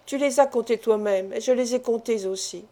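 A flustered young son who explains himself defensively, read by a woman. The voice is slightly high and mellow. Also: a little fast, lightly acted.

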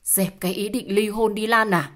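A woman voicing a stern, weary old father who scolds gruffly in a storybook reading. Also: medium pitch, steady tone, moderate pace, fairly bright tone, pitched above the performer's own voice, close to an everyday voice. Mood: scolding.

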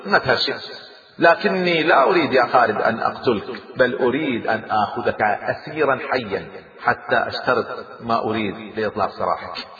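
A man's voice: mid-range voice, expressive, brisk, fairly bright tone, natural voice. A man voicing an arrogant, boastful Byzantine army commander in a raised, taunting voice, in an echoey hall. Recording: dull echoey hall recording.

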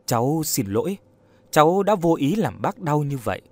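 Storybook role: earnest young woman, put on by a male narrator, soft-spoken, courteous, lively pitch. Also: moderate pace, dry recording. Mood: gently probing. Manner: soft, coaxing, polite.

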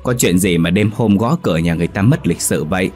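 A man's voice: low voice, quick pace, darkish tone, faint music behind, lightly acted. A man playing a blunt young villager. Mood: annoyed.

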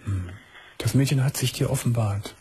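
A man hosting a late-night radio call-in, who asks calm, empathetic questions and murmurs gentle agreement. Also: mid-range voice, moderate pace, slightly rough. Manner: gentle, with frequent affirming murmurs. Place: radio studio.

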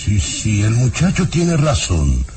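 An actor playing a sly villainous baron who feigns sympathy, in old-time radio drama style, with a smooth, drawn-out delivery. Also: male voice, lowish voice, huge pitch swings, a little mellow, slight background noise, exaggerated voice. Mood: scheming. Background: dramatic background music.

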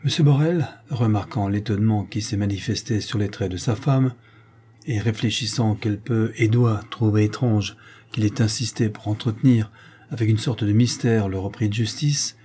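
A man reading a classic novel aloud as narrator, measured and expressive. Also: fairly low pitch, husky. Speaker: audiobook narrator.

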